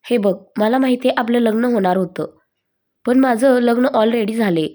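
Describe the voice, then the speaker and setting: A man's voice: very high-pitched, normal speed, a little mellow. A woman voicing an angry young husband who speaks in curt, snapping bursts, in a storybook reading. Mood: tense.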